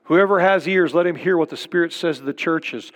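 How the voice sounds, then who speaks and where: A man's voice: fairly high pitch, fairly quick, a bit bright. A middle-aged man preaching a sermon as a pastor, earnest and emphatic, repeating key points. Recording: long hall reverb.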